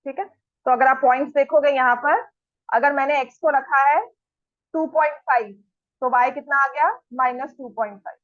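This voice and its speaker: In a high, fairly bright voice at normal speed, a woman teaches maths and keeps checking her students' understanding. She's firm in scolding them and addresses them directly. The audio is dry and slightly dull, with a lo-fi quality.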